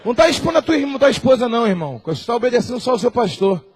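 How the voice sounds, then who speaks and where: A man preaching a sermon in a Brazilian Portuguese accent, switching between quiet asides and shouted, acted-out quotes. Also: extremely high pitch, very animated, rapid-fire, husky. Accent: Brazilian Portuguese, Rio de Janeiro area. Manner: impassioned preacher, acts out quoted voices and shouts. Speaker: apostle preaching.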